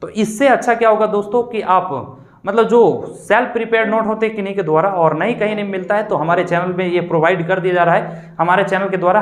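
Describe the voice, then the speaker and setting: A man teaching an online exam-prep class, explaining patiently and repeating his points as he addresses the viewers as friends. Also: high voice. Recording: roomy echo.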